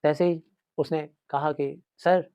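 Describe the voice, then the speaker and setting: A man's voice: a little high, steady tone, takes it slowly, dark tone, smooth, no echo. Man teaching a story, dry close sound. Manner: explains line by line, repeats and asks questions. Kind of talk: story lesson mixing Hindi and English.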